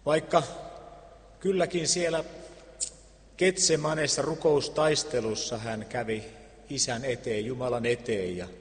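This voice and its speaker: A man reading Scripture aloud and preaching, solemn and measured, with deliberate pauses. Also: mid-range voice, steady tone. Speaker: pastor. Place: church. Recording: long church reverb.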